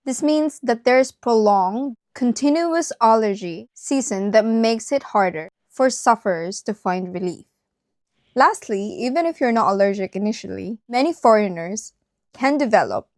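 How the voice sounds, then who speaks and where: A woman with a slightly high voice narrates a personal vlog, speaking straight to her viewers. The sound is very dry, with no room echo. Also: expressive, moderate pace. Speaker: vlogger.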